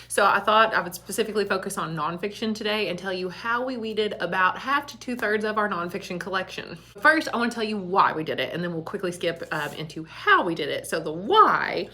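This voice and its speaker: A woman's voice: mid-range voice, expressive, a little fast, hardly any pauses, sharp tone. A woman school librarian chatting casually and laughing often, her voice echoing around an empty back storage room. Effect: echoey empty room. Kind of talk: casual video chat.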